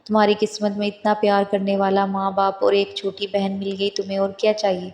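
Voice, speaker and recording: A woman reading the lines of a teasing, stubborn, quick-tempered young husband in a flat, even voice. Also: medium pitch, faint music behind, lightly acted. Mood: curt, teasing.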